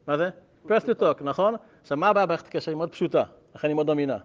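High-voiced man teaching a religious class. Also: highs cut off. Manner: conversational, asks the class questions and tells anecdotes. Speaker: Torah teacher.

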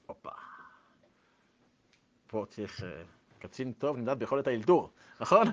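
A man telling a story to listeners in a lively, animated way, in a dull lo-fi recording. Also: mid-range voice. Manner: lively, acts out voices.

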